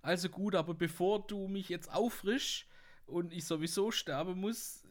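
Swabian guy putting on a cheeky little girl from a fairy-tale joke, a bit higher, sweet and coaxing. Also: moderate pace, close to an everyday voice. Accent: Swabian German.

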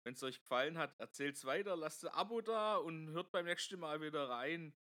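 A man telling jokes in a casual podcast monologue, chatty and quick to laugh at his own punchlines, recorded on a headset microphone. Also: fairly high pitch, animated, sharp tone.

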